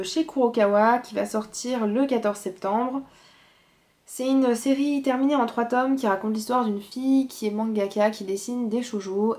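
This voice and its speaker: A woman's voice: on the high side, a little mellow. Chatty young woman reviewing manga. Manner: chatty, many hesitant fillers. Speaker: manga vlogger. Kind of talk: casual book review chat.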